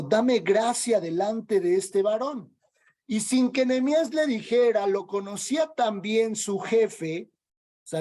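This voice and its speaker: A man's voice: high voice, warm tone. A man preaching a sermon in a conversational way, acting out the quoted dialogue.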